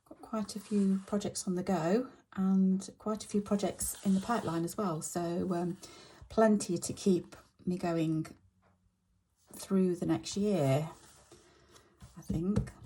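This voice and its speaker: A middle-aged woman talks her way through her stitching in a relaxed, rambling way, full of ums and small pauses. Her voice sits a little low, mellow and dark. It is slightly husky and croaky. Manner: chatty, halting with many fillers. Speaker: stitching vlogger. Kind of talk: casual narration while stitching.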